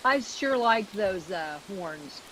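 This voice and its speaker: A middle-aged woman chatting casually, haltingly searching for her words. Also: medium pitch, expressive, a bit bright, slight background noise, rough recording. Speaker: streamer's mother and guest. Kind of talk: casual chat.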